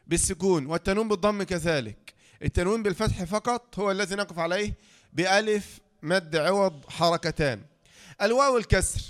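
A man with an Egyptian accent teaching a tajweed lesson, who asks the class questions, answers them himself, and slowly draws out the example sounds. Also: high voice. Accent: Egyptian Arabic. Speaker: Quran recitation teacher.

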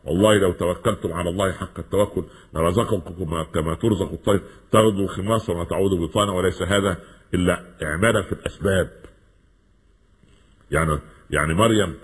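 A male preacher with an Egyptian accent delivers a sermon at a rapid clip. His voice sits low and has a husky grain, and he drives his points home with quick rhetorical questions. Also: big-room sound. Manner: lively, rhetorical questions, mixes classical and colloquial Arabic.

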